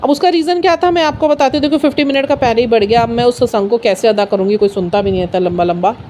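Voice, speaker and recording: A woman's voice: on the high side, very fast, dark tone, a little hiss or hum. A middle-aged woman giving an earnest, personal spiritual talk, mixing in English phrases. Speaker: satsang speaker.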